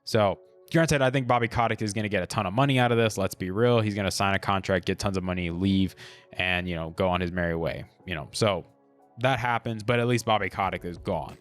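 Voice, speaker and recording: A man's voice: low-pitched, a little fast, soft background music. A man hosting a podcast, talking without a script in a blunt, opinionated, conversational way with many fillers. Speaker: podcast host. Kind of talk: unscripted solo commentary.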